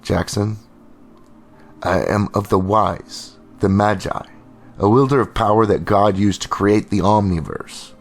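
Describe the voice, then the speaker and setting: A man's voice: fairly low pitch, fairly even intonation, vocal fry, faint music behind. A man doing a grand old magus. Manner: grand, lofty, measured. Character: arrogant grand old male magus in his sixties.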